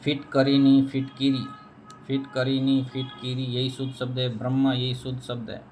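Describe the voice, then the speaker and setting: A man's voice: medium pitch, completely flat delivery, normal speed, a little hiss or hum. A man teaching a spelling lesson, repeating each word and answering his own questions. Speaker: Hindi teacher.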